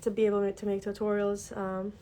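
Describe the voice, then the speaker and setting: A woman who speaks Albanian as her first language hosts a casual craft tutorial livestream from her desk while sick with a cold, her voice congested. She's chatty and full of fillers as she greets viewers, speaking briskly in a monotone with a mellow, mid-range voice. A little hiss or hum is audible.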